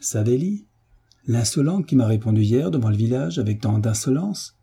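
A man voicing a smug, mocking landowner who talks down to a peasant girl, in a husky voice. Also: medium pitch, expressive, normal speed, mellow, heavily acted. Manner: smiling, teasing, condescending.

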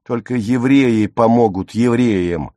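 A man reading an audiobook, voicing a hot-headed, bitter teenage boy in loud angry tirades. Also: medium pitch, slow pace, no room sound, studio quality, close to an everyday voice. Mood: furious.

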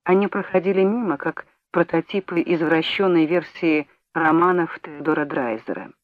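A woman narrating an audiobook in a measured, even reading voice. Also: low voice, no room sound. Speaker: audiobook reader. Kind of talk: scripted narration. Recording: dull lo-fi audiobook recording, dry.

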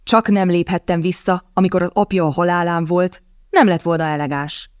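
A woman reading the part of a sulky, cowardly young gentleman who whines and stammers. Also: fairly low pitch, steady tone, clear, resonant tone, no echo, clean studio sound, close to an everyday voice. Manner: whiny, stammering.

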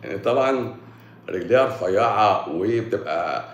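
A man's voice: on the low side, moderate pace, reverberant, slight background noise. A man with an Egyptian accent, a doctor giving a casual, joking talk on health in colloquial speech. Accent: Egyptian Arabic. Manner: joking, colloquial, animated explaining.

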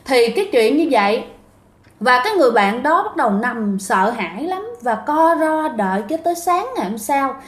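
A woman's voice: high voice, big pitch swings, moderate pace. A woman telling a ghost story in a chatty, casual way, talking straight to her listeners. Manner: chatty, addresses listeners directly. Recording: roomy echo.

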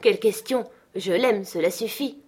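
A woman's voice: mid-range voice, moderate pace, darkish tone, breathy edge, lightly acted. A woman voicing a capricious, petulant young woman in an audiobook, pleading and insistent. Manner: urgent and insistent. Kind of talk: audiobook character reading.

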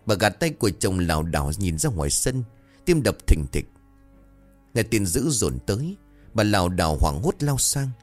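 A man narrating a horror story in a dramatic, expressive reading. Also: on the low side.

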